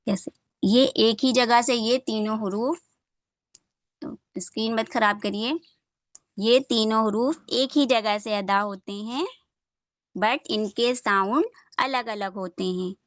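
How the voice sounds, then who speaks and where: A young woman teaching an online class, who patiently drills letter sounds slowly and repeats them over a video call. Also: a little high, a bit bright, no room sound. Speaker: online Quran reading teacher.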